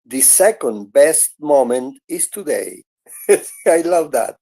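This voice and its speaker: A man's voice: medium pitch, expressive, slow, creaky, warm tone. A man, hosting a casual live audio chat and telling an earnest, encouraging story. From Venezuela. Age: 60s. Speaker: host.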